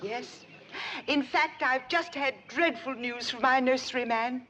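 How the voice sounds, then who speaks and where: An actress playing a fussy, formal wealthy society matron who speaks in a prim, dramatic way. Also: female voice, sits high, unhurried, bright, forceful tone, slight background noise. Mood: distressed.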